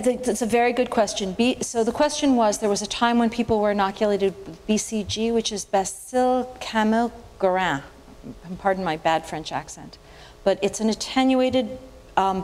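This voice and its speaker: Woman doctor talking to a crowd, explains stuff carefully, middle pitch, keeps restarting sentences. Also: a little mellow, a little hiss or hum. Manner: explanatory, measured, restarts phrases while thinking. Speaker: physician speaker. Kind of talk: public lecture with audience Q&A. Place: university event room with audience.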